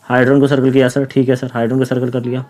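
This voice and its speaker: A male science teacher giving a classroom-style chemistry lesson with a sore, slightly hoarse throat. He asks his students questions, answers them himself, and keeps repeating the key words. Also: mid-range voice, completely flat delivery, very fast, darkish tone. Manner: repeats key words and calls listeners "kids" and "brother".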